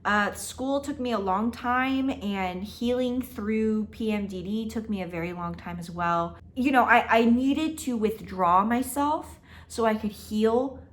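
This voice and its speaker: A woman's voice: a little high, a little slow, few pauses. A woman in her twenties chatting casually to camera in her apartment, talking emphatically and laughing often. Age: 20s. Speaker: vlogger. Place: her own apartment, indoors.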